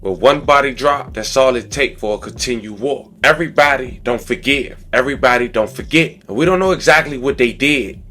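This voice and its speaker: Brief: casual true-crime channel host, bright and forceful. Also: male voice, mid-range voice. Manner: casual, slangy address to viewers. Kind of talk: scripted commentary.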